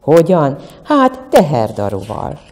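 A woman's voice: low voice, wildly swooping pitch, long reverb tail, full character voice. A woman voicing a round, chubby creature on a diet who sighs and then perks up eagerly. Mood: eager musing. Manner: sighing, then brightening eagerly. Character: round, chubby dieting creature, cheerful but sighing.

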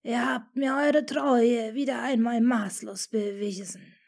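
Woman doing a male dark lord, icy hissing whisper, very slow, whispered role-play, fan audiobook. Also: a little high, steady tone, creaky, full character voice. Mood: cold, menacing.

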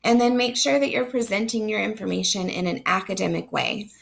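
A woman's voice: medium pitch, brisk. A woman teaching literature in a recorded online lecture. She is sick and losing her voice, so it sounds strained, and she explains steadily with frequent ums. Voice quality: gravelly, strained voice. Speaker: literature instructor.

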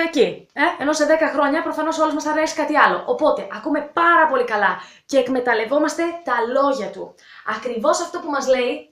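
A woman's voice: high-pitched, echoey room. A woman from Greece, an English teacher hosting a casual video lesson, talking straight to her viewers in a chatty, direct way. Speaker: English teacher and channel host.

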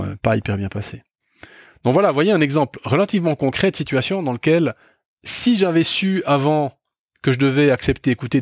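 Gravelly-voiced middle-aged man telling a story. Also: medium pitch, no room sound, studio quality. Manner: candid and self-critical, with frequent hesitations and restarts. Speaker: podcast host. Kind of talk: reflective storytelling monologue.

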